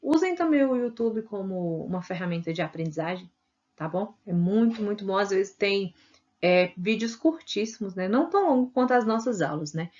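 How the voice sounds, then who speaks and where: A woman's voice: mid-range voice, lively intonation, normal speed, darkish tone. A Brazilian woman teacher giving an online video lesson, chatty and constantly adding "né?" to check in with her students. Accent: Brazilian Portuguese. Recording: dull lo-fi recording.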